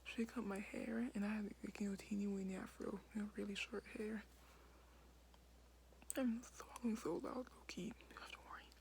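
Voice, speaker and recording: Young woman whispering in a basement at night, kinda gravelly, lots of likes and ums, faint hiss behind. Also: mid-range voice, poor audio. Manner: whispering quietly, many fillers like "like". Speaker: vlogger. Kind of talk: casual whispered vlog.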